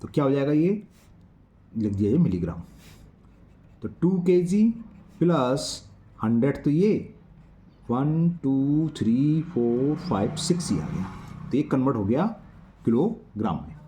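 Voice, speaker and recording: A man's voice: medium pitch, very animated, a little slow, long pauses, dark tone, slight background noise. A man teaching a maths exercise to children, patiently counting digits aloud and checking that they follow.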